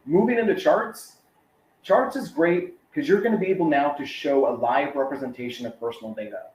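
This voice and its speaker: A man's voice: fairly high pitch, brisk, darkish tone, roomy sound, lo-fi sound, a little hiss or hum. A man giving a casual, conversational webinar presentation, with many fillers and asides.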